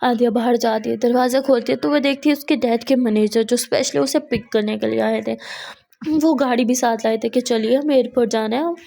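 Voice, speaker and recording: A woman narrates a romance story in a casual, conversational way, talking straight to the listener. Her voice is high with a gravelly fry. The tone is dark and mellow. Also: steady tone, fairly quick.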